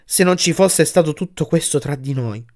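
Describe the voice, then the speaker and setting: A man voicing a sorrowful young woman in an audiobook, speaking softly and quietly as she lets her lover go. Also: on the high side, moderate pace, natural voice. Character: young woman, sad, gently firm.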